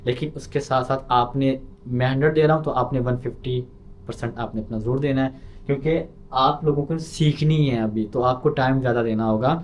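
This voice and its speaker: A man with a Pakistani Urdu accent teaching an online lesson. He explains patiently and drills each sound by repeating it loudly. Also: medium pitch, brisk, lo-fi sound, slight background noise. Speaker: language teacher.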